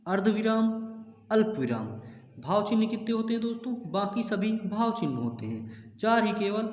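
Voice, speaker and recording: High-voiced man teaching in an echoey room. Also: darkish tone. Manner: repeats each point as a question, calls the audience friends. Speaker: Hindi teacher. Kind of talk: exam-prep class. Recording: echoey room with long reverb.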